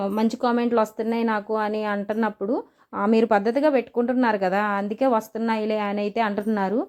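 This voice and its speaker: Young female vlogger, soft-spoken and chatty, flat delivery, built-in mic. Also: a little high. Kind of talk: casual chat to viewers. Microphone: no microphone, phone or camera built-in mic.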